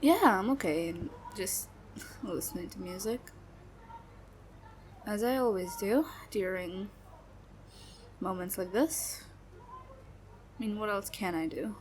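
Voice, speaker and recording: A woman voice actor in an audio roleplay portrays a sad young woman putting on forced cheer to hide her hurt. She speaks slowly and haltingly with nervous little laughs and trailing sentences, in a medium-pitched, darkish voice close to everyday speech, over faint background noise.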